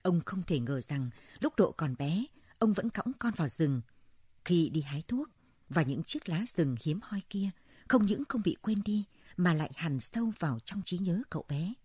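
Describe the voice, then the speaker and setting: Low husky woman telling a story. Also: animated, moderate pace, a little mellow, no echo, studio quality. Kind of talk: scripted story narration.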